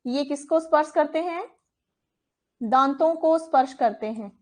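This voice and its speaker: In this Hindi grammar lesson for exam coaching, a woman speaks with a high, unhurried voice of darkish tone. She repeats terms and poses questions, then answers them herself.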